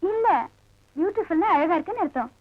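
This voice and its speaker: A lively young writer from the city, playful and curious, who slips English words into her talk. Her voice is very high and swoops a great deal, and the old film audio sounds dry and dull. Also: fast, no room sound. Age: young adult. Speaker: writer visiting a village. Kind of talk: film acting.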